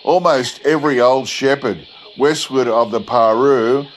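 A man reading an old-fashioned literary yarn as a narrator, in a measured, scripted style. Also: medium pitch, a little hiss or hum, rough recording.

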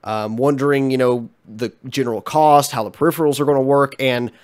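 A man's voice: mid-range voice, fairly even intonation, a little fast. A young man with a stuffy, congested voice, talking through a casual commentary vlog as its host, chatty and frank with many ums and uhs. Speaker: channel host.

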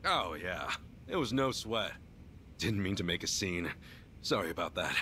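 An actor playing a modest, earnest job counselor in a video game, speaking formally and courteously but firmly. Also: male voice, sits low, animated, moderate pace, pushed and bright, slight background noise. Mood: modest, friendly.

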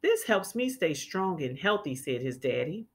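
With a low voice and a very animated delivery, a woman reads a children's story aloud in a teacher's manner. She speaks at a moderate pace, expressive and enunciating clearly for little ones.

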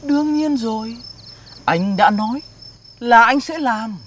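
A man's voice: very high-pitched, slow pace, fairly bright tone, a little hiss or hum, full character voice. A man playing a young village footballer, polite to elders and melodramatic with his wife. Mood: tender.

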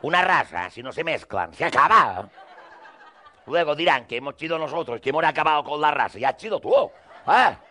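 A man's voice: fairly high pitch, very animated, fairly quick, sharp tone. A man telling a rambling, crude comic monologue in character, acting out both sides of the dialogue.

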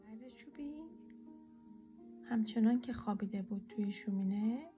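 A woman reading a children's storybook aloud in a gentle, often half-whispered voice. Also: fairly high pitch, dull audio. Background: soft instrumental music.

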